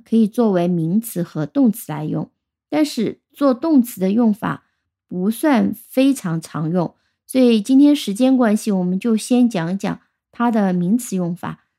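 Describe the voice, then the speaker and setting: Woman teaching English words, mellow voice. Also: mid-range voice. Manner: explains clearly, spells out letters and sounds words out slowly. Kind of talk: recorded vocabulary lesson.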